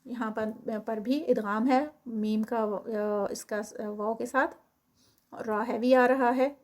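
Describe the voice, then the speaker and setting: A recitation teacher with a Pakistani Urdu accent and a slightly high voice. She chants each word slowly and stretches the vowels, then drops into quick, quiet explanation. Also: fairly even intonation. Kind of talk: tajweed lesson, explaining and reciting.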